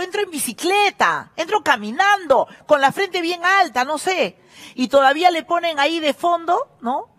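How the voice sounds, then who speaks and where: A woman's voice: high-pitched, a bit bright. A middle-aged woman, hosting a gossip show and commenting in an emphatic, scornful way. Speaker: TV show host.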